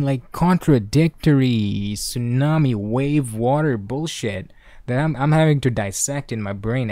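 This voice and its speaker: A man's voice: mid-range voice, mellow, no room sound. A young man hosting a casual solo podcast, rambling and swearing as he talks things through, laughing now and then. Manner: rambling, profane, laughs often. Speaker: podcast host. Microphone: desk microphone, clipping.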